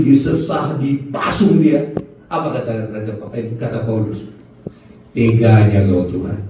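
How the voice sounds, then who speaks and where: A man preaching a lively sermon as a pastor, his voice swinging between low and high. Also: far from the mic, slight background noise. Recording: echoey hall, voice from the mic.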